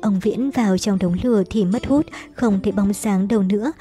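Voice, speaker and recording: A woman reads a novel aloud as an audiobook, telling it briskly and dramatically. Her voice is mellow and dark in tone at a mid pitch. Faint music plays quietly behind her. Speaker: narrator.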